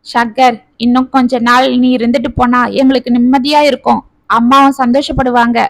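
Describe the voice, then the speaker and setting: A woman voicing a kind gentle elder brother. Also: a little high, level tone, brisk, no room sound, close to an everyday voice. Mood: reassuring. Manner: gentle, reassuring.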